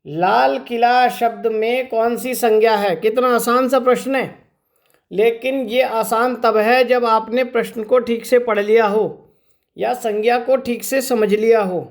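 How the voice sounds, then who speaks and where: A man's voice: extremely high pitch, fairly even intonation, a little slow. A male teacher leads an exam-prep grammar lesson. He works through each answer one step at a time, asking rhetorical questions and then answering them himself. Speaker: Hindi teacher.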